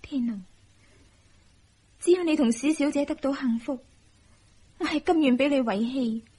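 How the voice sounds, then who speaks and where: In a radio drama, an actress with a Hong Kong Cantonese accent plays a young, devoted wife who sacrifices herself. Her voice sits high and is warm, at a moderate pace, lightly acted and sounding plaintive and earnest. The mood is sad and pleading.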